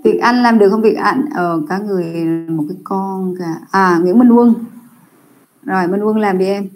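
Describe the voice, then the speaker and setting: A young adult woman teaching an online class, correcting students' answers with patient, drawn-out explanations over a computer mic. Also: mid-range voice, a little mellow.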